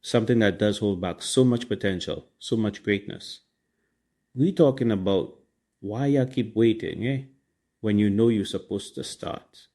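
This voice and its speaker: A man's voice: on the low side, a little slow, mellow. A man with a Trinidadian accent hosting a casual motivational podcast, talking in colloquial Caribbean slang. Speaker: podcast host.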